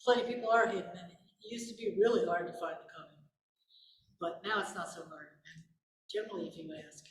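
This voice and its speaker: An older woman speaks as a guest at a community Q&A, her pitch sitting in an ordinary middle range. She talks in a loose, rambling way, starting over and correcting herself mid-sentence. The voice comes from well off the mic in a big, empty, reverberant room. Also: fast, a little hiss or hum. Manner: rambling, with many restarts and self-corrections. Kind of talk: casual Q&A talk. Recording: echoey room, voice far from the mic.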